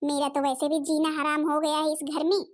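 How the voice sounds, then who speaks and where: A woman's voice: sits high, little pitch movement, fairly quick, natural voice. A woman voicing a fretful, self-pitying old mother-in-law in a cartoon, complaining plaintively. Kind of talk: Hindi cartoon voice acting.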